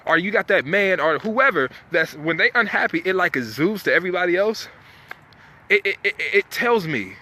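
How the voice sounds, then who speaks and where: A man's voice: fairly high pitch, bright, forceful tone, a little hiss or hum. A man giving an informal motivational speech straight to his viewers, emphatic and repeating phrases for effect. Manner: informal, colloquial, direct address. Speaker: motivational speaker, live stream host.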